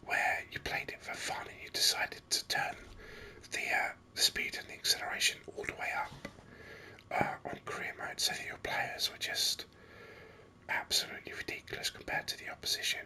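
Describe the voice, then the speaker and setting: Commentary on a game arrives as a whisper: breathy, sibilant and very bright. The host rambles along slowly but sounds eager throughout.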